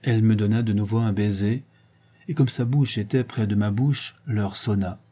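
A man narrating a classic novel as an audiobook in a measured, expressive reading. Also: fairly low pitch, breathy edge.

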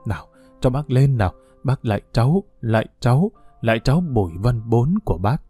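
A man reading as a grieving old man pleading softly. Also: mid-range voice, expressive, brisk, breathy edge, dry recording. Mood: grieving plea. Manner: pleading, murmured, tearful. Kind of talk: audiobook character reading. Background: soft guitar music.

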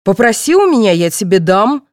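A woman reading the part of an impatient, sharp-tongued mother who snaps and brushes things off. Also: mid-range voice, sing-song, normal speed, dry recording, clean studio sound, natural voice. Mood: irritated. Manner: dismissive, snapping.

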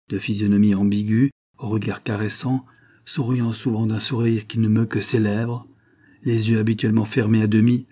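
Male audiobook narrator, low-voiced, husky, measured literary reading. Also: mellow.

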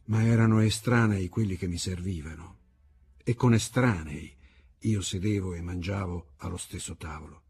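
A man reading a novel aloud as an audiobook, in measured, unhurried literary narration. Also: lowish voice, warm tone, husky. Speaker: audiobook reader.

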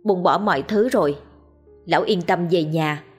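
Woman, ghost story narration, breathy, lowish voice. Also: normal speed, soft background music.

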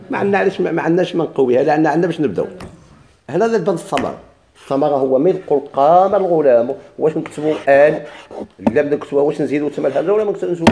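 A man with a Moroccan Arabic accent teaching a grammar lesson, asking questions and answering them himself, and repeating key words slowly. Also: fairly high pitch, warm tone, echoey room.

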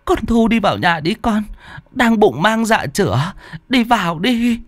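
A man's voice: high voice, expressive, unhurried, no echo, pitched above the performer's own voice. A man voicing a distraught old peasant woman, wailing and pleading. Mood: urging.

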